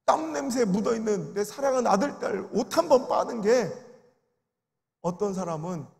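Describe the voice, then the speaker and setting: A man preaching an emotional sermon in a large prayer-house sanctuary, his voice high and gravelly. He tells stories and acts out grieving voices. The hall rings with long reverb. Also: lively intonation, moderate pace, a little mellow. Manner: storytelling, acts out quoted voices with sobbing cries. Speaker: pastor.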